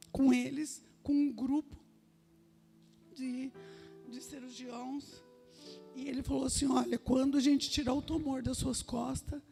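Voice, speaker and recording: Woman giving church testimony, high gravelly voice, earnest storyteller. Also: warm tone. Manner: earnest storytelling, quoting others in her own voice. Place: church sanctuary.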